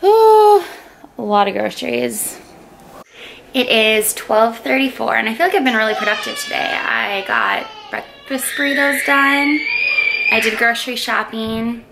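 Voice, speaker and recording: A woman's voice: on the high side, big pitch swings, a little slow, gravelly. A woman in her twenties chatting casually as she meal-preps in her home kitchen, explaining each step with lots of fillers, filmed on a handheld camera. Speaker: vlogger. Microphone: handheld camera, sometimes close selfie framing, sometimes far. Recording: home recording with loud kitchen noise.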